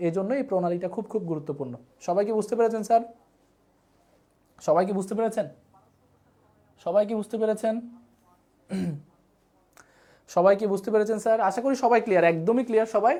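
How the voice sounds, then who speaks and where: A woman's voice: mid-range voice, brisk, pauses often, dark tone. Woman teaching a live online lesson. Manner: repeats checks with students, playful memory tricks. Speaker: online tutor.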